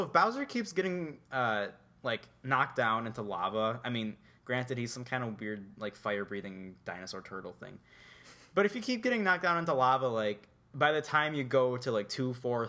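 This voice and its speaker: A man's voice: mid-range voice, bright, forceful tone. Rambling casual man chatting about games. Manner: rambling, many fillers, acts out game characters. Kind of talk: casual chat.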